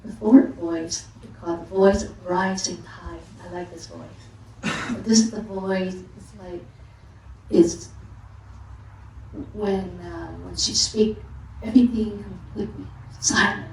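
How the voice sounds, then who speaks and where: A woman giving a dharma talk as a Buddhist monastic teacher, speaking haltingly with frequent fillers and restarts. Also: mid-range voice, steady tone, a little mellow, slight background noise. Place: monastery hall during a retreat. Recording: echoey room from a distant mic.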